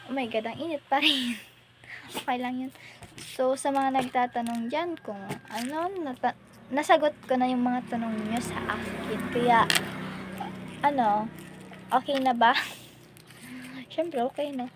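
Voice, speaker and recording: A woman's voice: high voice, measured pace, pauses often, background noise. A young woman talking casually and emotionally to her vlog viewers, rambling with many fillers. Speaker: vlogger. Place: home, hot and alone.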